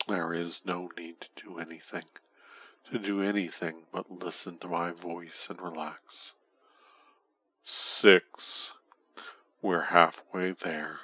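Deep, hushed man murmuring hypnosis in your ear. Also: no echo, highs cut off. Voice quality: breathy. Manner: soothing, slow, hushed, often trailing into whisper. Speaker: hypnotist guiding relaxation. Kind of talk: guided hypnosis, soft ASMR-like delivery.

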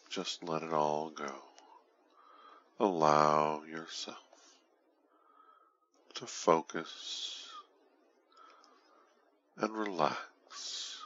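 Very deep, very slow male hypnotist, intimately close. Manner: soothing, hushed, breathy delivery trailing into whispers. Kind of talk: guided hypnosis relaxation, counting down. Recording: dull lo-fi audio with faint noise.

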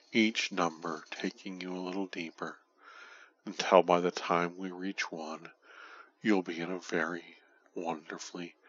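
A man guiding hypnosis in a soothing, breathy, hushed voice right by your ear, slowly and often trailing into a whisper. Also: deep voice, muffled recording. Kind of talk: guided hypnosis, soft ASMR-like delivery.

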